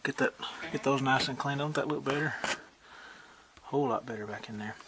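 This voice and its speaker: A man's voice: mid-range voice, moderate pace. A man, an HVAC technician, casually narrating his repair work on camera and talking straight to viewers. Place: at a home air-conditioning unit, indoors and outdoors. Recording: loud background noise on a work camera.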